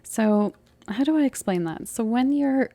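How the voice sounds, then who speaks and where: Woman, whispered role-play tarot reader, soft and soothing, gravelly and tired, close dry mic. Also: a little high, expressive, measured pace, dry recording. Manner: soft, intimate, comforting, often dropping to an unvoiced whisper. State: voice tired and cracking.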